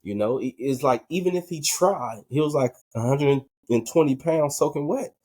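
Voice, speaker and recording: A man's voice: mid-range voice, moderate pace, dark tone, slightly rough. A male podcast host asking rambling questions in casual talk from a bedroom at home. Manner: rambling, asks questions with restarts.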